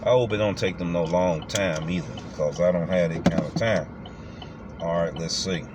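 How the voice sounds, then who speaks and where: Very deep-voiced man, casual and emphatic. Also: steady tone, normal speed. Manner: colloquial, emphatic, repeats himself. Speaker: delivery driver and vlogger. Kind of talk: casual vlog talk. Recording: clear background noise, vehicle-like hum.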